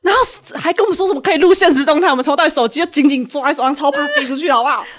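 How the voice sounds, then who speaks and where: Fast-talking high-voiced woman. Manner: rapid, animated storytelling, acting out quotes. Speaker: podcast co-host. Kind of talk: casual chat.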